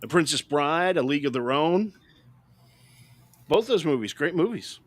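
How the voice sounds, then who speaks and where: A man's voice: fairly high pitch, animated, normal speed. A middle-aged man co-hosting a podcast, reviewing movies in an emphatic, ranting way and often asking "right?". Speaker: podcast co-host. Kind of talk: opinionated movie review chat.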